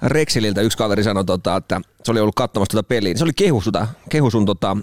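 Low-voiced laid-back man. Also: a little mellow, no room sound, studio quality. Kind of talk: casual chat.

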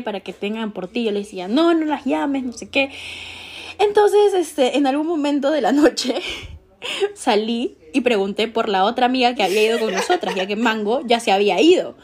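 A woman's voice: a little high, a little mellow, breathy edge. A young woman with a Peruvian Spanish accent, telling a story in casual chat and laughing often.

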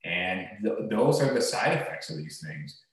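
A man's voice: lowish voice, big pitch swings, normal speed. A male podcast host chatting in a casual, opinionated and blunt way in an empty room that echoes like a cave. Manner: blunt, swearing.

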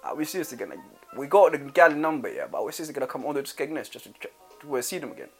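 A man hosts a casual chat, telling rambling stories full of restarts and slang tags. His voice sits a little high. Faint music plays underneath. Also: big pitch swings, very fast. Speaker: podcast host.

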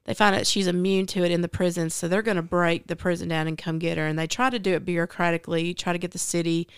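A woman's voice: on the low side, clear, resonant tone, no echo, clean studio sound. A woman with a Southern US accent hosting a casual book chat, retelling a story in a rambling way with many fillers. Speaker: podcast host.

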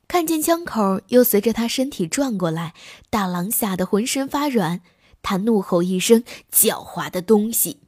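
A woman narrating a children's bedtime story in a gentle, lively way on a close mic. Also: medium pitch, moderate pace, no echo.

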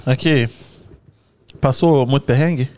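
A man's voice: mid-range voice, a little mellow, clean tone. A man hosting a podcast, asking curious questions in casual chat. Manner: curious, asks quick questions.

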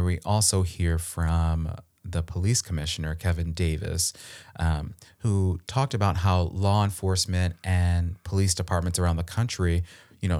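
A man's voice: low-pitched, darkish tone. A man co-hosting a podcast, talking in an earnest, reflective way with frequent restarts. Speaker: podcast co-host. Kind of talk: casual conversational discussion.

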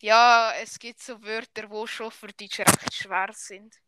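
A woman's voice: on the high side, fairly even intonation, takes it slowly, heavy background noise. A woman, casually teaching a friend words in a playful, teasing way. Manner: playful, teasing, laughs often. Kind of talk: casual chat.

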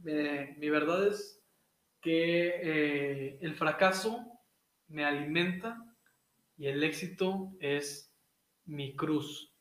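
Man, northern Mexican accent, fairly high voice, slangy casual interview talk, joking, roomy echo. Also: very slow, a bit bright. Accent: northern Mexican (Nuevo León). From Nuevo León, northern Mexico. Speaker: interview guest, a teacher. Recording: echoey room sound.

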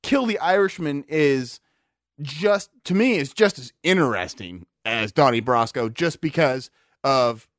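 A man's voice: medium pitch, animated, unhurried, no echo, clean studio sound. A man co-hosting a podcast, rambling and swearing in casual chat, a bit drunk, with lots of restarts. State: tipsy. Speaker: podcast co-host.

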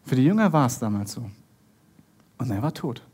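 A preacher retelling a Bible story in a lively sermon, acting out the characters and speaking straight to the listener. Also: medium pitch, brisk, husky. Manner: animated, acts out the characters and talks straight to the listener.

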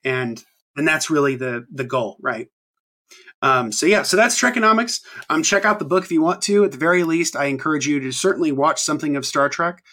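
A man in his thirties rambles casually as a podcast host, with lots of ums and restarts. He speaks a little fast, his voice on the high side, bright and forceful.

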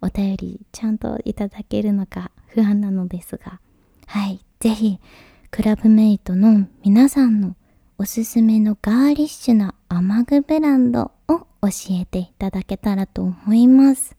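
A woman hosting a late-night podcast in a soft, breathy, whispery voice, speaking to listeners in extremely polite, formal phrasing. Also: mid-range voice, moderate pace, dry recording, clean studio sound. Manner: ultra-polite, formal honorific Japanese phrasing. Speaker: podcast host.

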